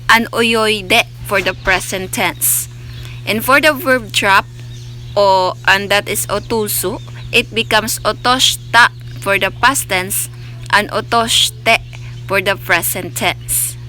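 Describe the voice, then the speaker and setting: A woman's voice: medium pitch, sharp tone. A woman teaching a language lesson, carefully spelling out syllables one by one. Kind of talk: slow explanatory lesson. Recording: faint background music.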